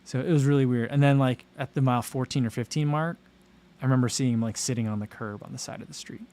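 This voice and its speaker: A man's voice: mid-range voice, steady tone, quick pace, warm tone. A man hosting a casual livestream, reading viewer comments aloud and rambling with fillers and frequent laughs. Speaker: running channel host. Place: home livestream.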